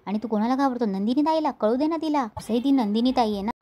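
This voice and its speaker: A woman's voice: a little high, fast, mellow, pitched above the performer's own voice, lightly acted. A woman voicing a defiant, heartbroken young woman who accuses and insists in a serial recap.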